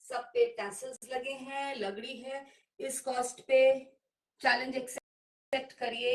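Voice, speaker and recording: Slow-talking Indian woman selling live. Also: distant mic. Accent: Indian English. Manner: mixes Hindi and English, drawn-out sales pitch. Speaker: seller hosting a live sale. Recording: echoey room, voice from off the mic.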